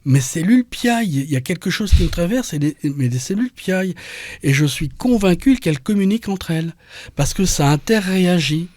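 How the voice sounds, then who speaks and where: A man telling a personal story in an interview, halting and restarting often as he recalls it. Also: high-pitched, lively intonation, a little mellow, no room sound. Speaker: interview guest. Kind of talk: personal testimony.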